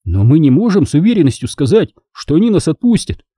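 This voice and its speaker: A man voicing a calm, cautious teenage Jedi apprentice in an audiobook, speaking in a measured, gently reasoning way. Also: fairly high pitch, slightly rough, no room sound, studio quality, voice pushed up.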